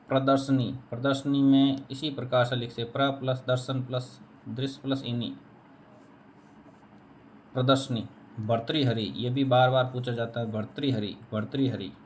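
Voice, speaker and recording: Guy teaching spelling, kinda flat and even, says every word twice, some hiss behind. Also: mid-range voice. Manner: drills each word by repeating it, asks and answers his own questions. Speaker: Hindi teacher. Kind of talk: spelling lesson.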